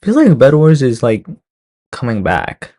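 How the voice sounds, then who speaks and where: A man's voice: medium pitch, huge pitch swings, measured pace, warm tone. Rambling young man reacting casually. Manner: rambling, full of fillers and restarts. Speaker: reaction streamer.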